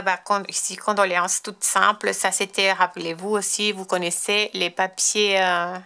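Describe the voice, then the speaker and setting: A woman's voice: mid-range voice, creaky, sharp tone. A French woman hosting a crafting tutorial, chatting casually and enthusiastically as she shows her cards. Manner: chatty, enthusiastic, frequent restarts and fillers. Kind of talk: casual show-and-tell tutorial.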